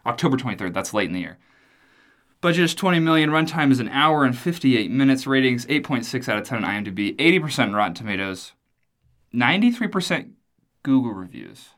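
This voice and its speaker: A man's voice: mid-range voice, sing-song, brisk, fairly bright tone. A man co-hosting a casual movie review podcast, joking and teasing often and laughing as he talks. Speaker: podcast co-host.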